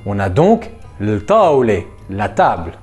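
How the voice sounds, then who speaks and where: Guy teaching a language lesson, upbeat and animated, soft music behind. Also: lowish voice. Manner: explains patiently, slows down to spell out words; lively, enthusiastic, addresses viewers as friends. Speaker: Lebanese Arabic teacher.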